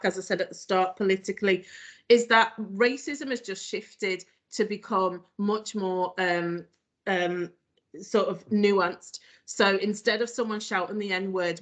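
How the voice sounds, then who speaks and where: A woman's voice: medium pitch, a bit bright. A woman from Northwest England with a Liverpool accent, giving an earnest, conversational online training talk with frequent ums. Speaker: anti-racism trainer.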